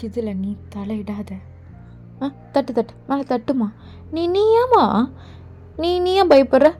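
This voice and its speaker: A woman voicing a ruthless young male king who talks in a low, slow, possessive murmur in a fan audio drama, over faint music. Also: very animated, mellow, exaggerated voice. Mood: tender.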